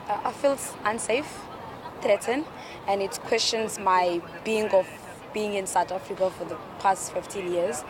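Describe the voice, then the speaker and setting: A young woman from the Democratic Republic of Congo gives her personal testimony as a refugee, talking earnestly and haltingly and repeating phrases for emphasis. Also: mid-range voice. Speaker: refugee interviewee. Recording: outdoor street noise behind.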